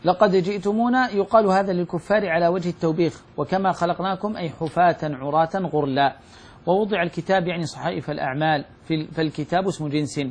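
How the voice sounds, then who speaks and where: A man reading a classical religious commentary aloud in a class, moving quickly through the text and slowing down to quote verses. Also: on the high side, darkish tone, slightly rough.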